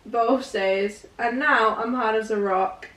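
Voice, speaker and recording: A woman's voice: a little high, fairly even intonation, fairly bright tone, distant mic. Chatty Northern English woman, roomy sound. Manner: chatty, laughs often, quick asides. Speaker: podcast co-host. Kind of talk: casual book chat.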